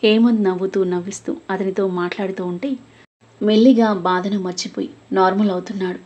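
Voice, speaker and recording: Woman storyteller, husky breathy voice, steady gentle narration. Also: mid-range voice, a little fast, dull audio.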